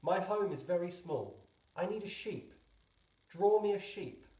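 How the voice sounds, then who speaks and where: A man voicing a small, solemn, gently insistent boy in a storybook, with a soft little voice. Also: high voice, lively intonation, measured pace, roomy sound, recorded from a distance, pitched above the performer's own voice, rough recording. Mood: firm, earnest. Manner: earnest, serious, politely insistent. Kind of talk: storybook reading.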